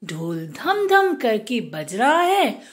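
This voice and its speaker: A woman with a high voice teaches young children, reciting rhymes and asking questions she answers herself. She talks slowly and patiently and. The room gives her voice a clear echo. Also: wildly swooping pitch. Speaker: primary school teacher. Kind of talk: teaching children Hindi matras and reciting poems.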